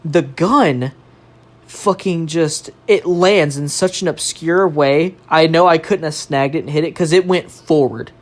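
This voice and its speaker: A young adult podcast storyteller, animated and loose, dropping swear words and laughing along. The voice is mid-pitched, and the delivery is casual chat. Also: unhurried. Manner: animated, swears freely, laughs while telling.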